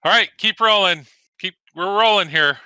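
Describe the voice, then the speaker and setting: A man's voice: high voice, moderate pace, pushed and bright, smooth, no room sound. A man player chatting casually at a game table.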